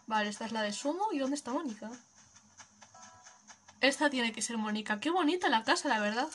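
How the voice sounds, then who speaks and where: A woman's voice: fairly high pitch, expressive, a little fast, a bit bright, faint music behind. A young woman, giving casual gameplay commentary, chatty and giggly, thinking aloud. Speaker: gaming video creator.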